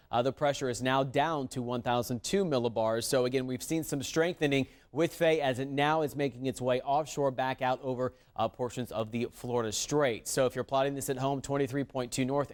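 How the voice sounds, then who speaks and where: Male weather anchor, medium pitch, measured live advisory delivery. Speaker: TV weather forecaster. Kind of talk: live storm advisory readout.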